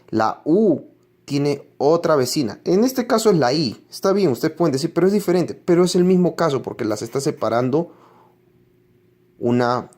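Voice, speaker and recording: A man's voice: mid-range voice, darkish tone. A man teaching English pronunciation in a classroom-style lesson, explaining patiently and repeating each example word several times.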